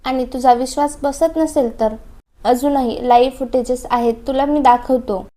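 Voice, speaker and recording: A woman reading the lines of a stern elder brother who scolds his younger sibling, in her own high voice. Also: fairly even intonation, moderate pace, dark tone, lightly acted. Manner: firm, scolding.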